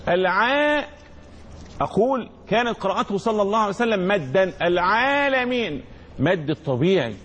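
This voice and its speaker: A man's voice: sits high, lively intonation, fast, few pauses, breathy edge. A man with an Egyptian accent teaching Quran recitation, drawing out the verses and quizzing his students in call-and-response. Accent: Egyptian Arabic. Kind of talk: tajweed lesson with call-and-response.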